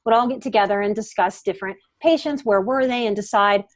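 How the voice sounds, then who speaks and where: A middle-aged woman with a medium-pitched, brisk voice appears as a guest on a podcast interview. She is a psychotherapist and life coach who speaks earnestly, pressing hard on her key words.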